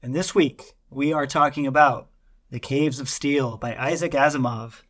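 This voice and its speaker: A man's voice: medium pitch, moderate pace, a bit bright. A man co-hosting a book podcast, summarizing a story in a chatty, rambling way with filler words. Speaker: podcast co-host. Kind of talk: casual podcast chat.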